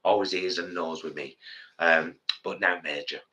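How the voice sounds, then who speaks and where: With a noisy background behind him, an Englishman in his fifties talks casually as co-host of a live stream, rambling through animated stories. He has a cold and sounds a bit bunged up, speaking low at a normal speed.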